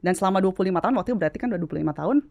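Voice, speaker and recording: A woman's voice: fairly low pitch, animated, rapid-fire, creaky, a little mellow. A woman in her late twenties, a guest telling her story in a casual, chatty way and slipping English words into her speech. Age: late 20s.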